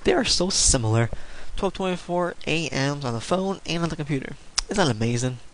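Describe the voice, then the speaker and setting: A man with a fairly high voice talks through a home-made storm forecast in a loose, rambling way. He apologizes often and leaps up in pitch when something excites him. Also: a little fast, rough recording. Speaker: amateur weather forecaster. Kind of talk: casual forecast video talk.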